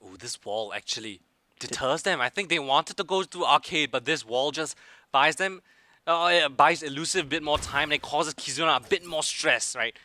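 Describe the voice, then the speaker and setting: A man doing excited play-by-play commentary of an esports match, his voice going hoarse. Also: a little high, no echo. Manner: rapid hype calls, shouting at big plays. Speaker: esports caster.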